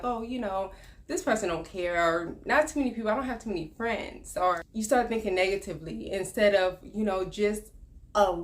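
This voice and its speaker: A woman in her thirties talking earnestly about her life in a personal vlog, reflective and loose, with many fillers. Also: medium pitch. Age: 30s. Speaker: vlogger.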